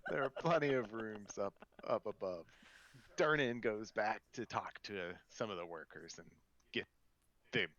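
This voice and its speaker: Low-voiced game master. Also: male voice, measured pace, highs cut off. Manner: relaxed, rambling narration with restarts. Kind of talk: narrating a tabletop game.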